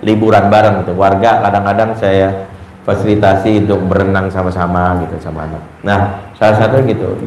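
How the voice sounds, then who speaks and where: A male Islamic preacher gives a parenting talk, telling stories and acting out the dialogue in them. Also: on the low side. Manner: lively storytelling, acts out dialogue in quoted voices. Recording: echoey room with faint ambient noise.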